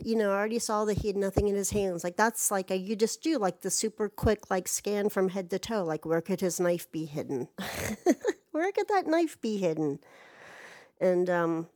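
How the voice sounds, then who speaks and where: A woman's voice: mid-range voice, a little mellow. A woman casually telling a personal story, rambling and exasperated, swearing freely.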